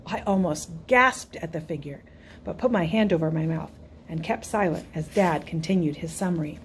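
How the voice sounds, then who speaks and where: Low-voiced woman reading an audiobook. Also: moderate pace, a little hiss or hum. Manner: even, storytelling delivery. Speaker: audiobook narrator. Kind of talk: first-person audiobook narration.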